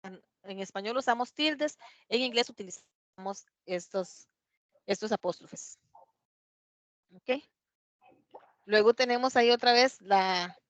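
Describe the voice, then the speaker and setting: A woman teaching an English pronunciation lesson, explaining patiently step by step and slowly repeating words to model them. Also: mid-range voice, no room sound, lo-fi sound. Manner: patient, explains step by step, asks "¿verdad?" often.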